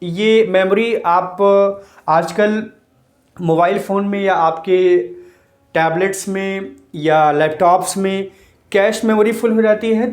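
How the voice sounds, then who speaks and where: A man explaining English pronunciation in a measured way, mixing Hindi and English. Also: high-pitched, darkish tone. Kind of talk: explaining lesson to camera. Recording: echoey room.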